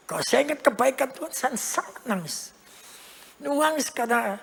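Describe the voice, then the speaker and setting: A woman's voice: fairly high pitch, creaky, slightly rough. A woman preaching a sermon, emphatic and repetitive, often asking rhetorical questions. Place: large church hall. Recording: church hall reverb.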